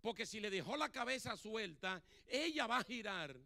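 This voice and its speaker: A man preaching from a church pulpit, his voice pitched high and bright. He acts out the lines of Bible scenes and keeps asking the congregation questions. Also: animated, moderate pace, gravelly. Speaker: pastor. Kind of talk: sermon. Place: church sanctuary.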